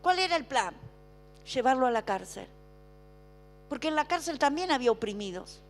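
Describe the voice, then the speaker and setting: A woman preaching a sermon, calling on the congregation to repeat after her and dropping to a hush for emphasis. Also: high-pitched, expressive. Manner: call-and-response, asks congregation to repeat; swings between emphatic slow declarations and hushed drops. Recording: long hall reverb with faint music.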